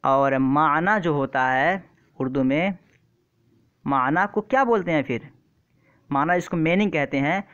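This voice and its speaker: In this online vocabulary lesson for exam prep, the male teacher keeps repeating words and putting questions to the viewer. His voice is fairly high and smooth, though the audio sounds dull.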